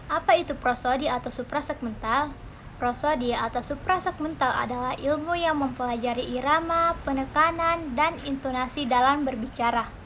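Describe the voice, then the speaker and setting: A young woman from Indonesia, a university student, reads out a prepared academic presentation in a steady, careful way, spelling out her examples. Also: sits high, moderate pace, a little hiss or hum, low-quality recording. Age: young adult. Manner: steady, careful reading with demonstrative stress examples. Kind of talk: read-aloud academic presentation.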